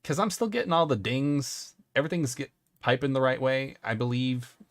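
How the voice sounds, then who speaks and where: A man's voice: mid-range voice, normal speed, dry recording. A man hosting a live stream in casual chat, joking, laughing often and rambling loosely. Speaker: stream host.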